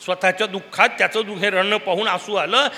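A man preaches a devotional discourse with a high, piercing brightness. He tells stories vividly and explains their meaning, and his words ring out in a long hall echo. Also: steady tone, fairly quick. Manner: narrates vividly, explains scripture. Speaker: religious discourse speaker. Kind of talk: devotional sermon with storytelling. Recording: reverberant hall.

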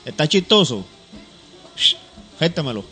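A male co-host on a church talk program, speaking a little above the usual male pitch. He chats in a loose, explanatory way and fills his pauses with small hesitations. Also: very animated, sharp tone, soft background music. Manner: chatty and explanatory, many fillers. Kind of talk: casual church talk-show chat.

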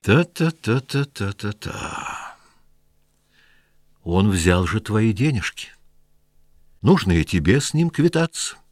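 A man's voice: lowish voice, sing-song, slow, long pauses, no room sound, studio quality, heavily acted. A man voicing a miserly, domineering old father who talks in a wheedling, mocking way in a raised voice.

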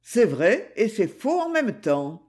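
A hunted male taxi driver from a storybook, firm and earnest, as read by a woman narrator. The delivery is slow and measured with a lively rise and fall. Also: mid-range voice, pitched above the performer's own voice. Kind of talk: audiobook character voice.

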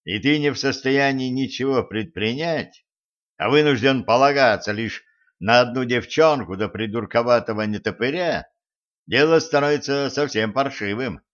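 A man voicing a sharp-tongued immortal male sorcerer who talks in a snappish, commanding way. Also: medium pitch, normal speed, dull audio, lightly acted. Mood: irritated.

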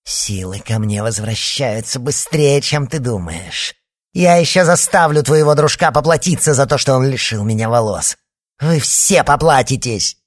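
A man voicing a spiteful, scheming adult witch woman, taunting with threats in a husky voice. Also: medium pitch, lively intonation, moderate pace, pitched above the performer's own voice, close to an everyday voice. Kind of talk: audiobook character reading.

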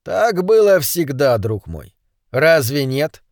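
A man voicing a calm, reflective man who speaks in a measured, gently ironic way. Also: fairly high pitch, no room sound, clean studio sound, full character voice.

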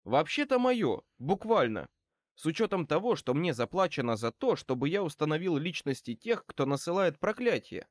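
A man reading an audiobook as a male wizard private eye who speaks wryly and with calm menace. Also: fairly high pitch, normal speed, no echo, pitched above the performer's own voice. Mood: wry, cool. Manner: wry, calmly threatening.

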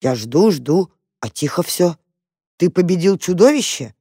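A storyteller voicing a slow, bewildered male cat who speaks hesitantly. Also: medium pitch, very animated, mellow, husky, dry recording, clean studio sound, full character voice. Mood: puzzled.

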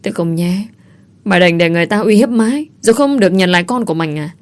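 A woman's voice: fairly low pitch, quick pace, lightly acted. A woman voicing an anxious, blunt young woman friend, asking urgent, stammering questions. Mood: pleading.

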